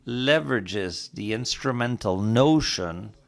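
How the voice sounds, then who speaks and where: A man answering as a panelist at a conference, speaking in a deliberate, formal way. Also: mid-range voice, expressive, gravelly.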